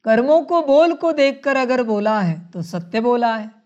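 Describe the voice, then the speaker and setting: A woman giving a spiritual sermon, speaking in a measured way, calling her listeners children and asking rhetorical questions. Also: a little high, expressive, a little mellow, muffled recording. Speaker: spiritual teacher.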